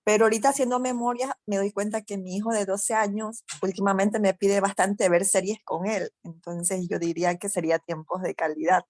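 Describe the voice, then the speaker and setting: A woman's voice: mid-range voice, fairly even intonation, brisk, hardly any pauses, darkish tone, no echo. An adult woman sharing a personal reflection in a thoughtful, slightly hesitant way. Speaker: group participant.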